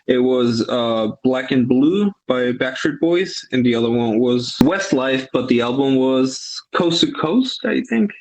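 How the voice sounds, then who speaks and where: A man's voice: mid-range voice, low-quality recording. A man from Peru, a musician guest telling his story in a thoughtful, rambling way. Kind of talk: casual interview chat.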